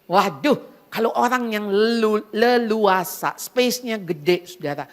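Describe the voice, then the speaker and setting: A middle-aged women's ministry speaker preaches a sermon at a Christmas event in a packed church hall, addressing listeners as "saudara" and slipping in English phrases. She is animated and unhurried, dramatizing inner voices and prayers with big swings in pitch.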